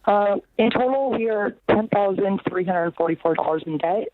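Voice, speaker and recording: A woman calling in to a talk show over the phone, speaking nervously and haltingly with many fillers. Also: mid-range voice, no room sound. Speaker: caller. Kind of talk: call-in talk show caller. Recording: tinny phone line with faint noise.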